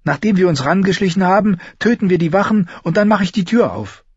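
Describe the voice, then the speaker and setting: A man's voice: high-pitched, expressive, a little fast, husky, no echo, lo-fi sound, voice pushed up. A man reading an audiobook, voicing a fierce, stubborn young girl who gives orders sharply. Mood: determined.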